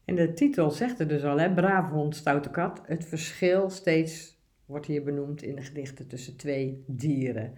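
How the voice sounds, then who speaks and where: A woman's voice: sits low, steady tone, unhurried, a little mellow. A woman co-hosting a podcast about children's picture books, chatting casually with lots of fillers. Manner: chatty, many fillers like "zeg maar". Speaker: podcast co-host.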